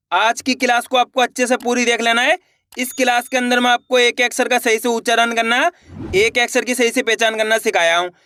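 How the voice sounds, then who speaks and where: Male teacher, high and bright, dry close sound, sounds out letters slowly. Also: clear, resonant tone, no echo. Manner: drawn-out, repeats sounds and asks learners to repeat. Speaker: Hindi reading teacher. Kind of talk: step-by-step beginner lesson.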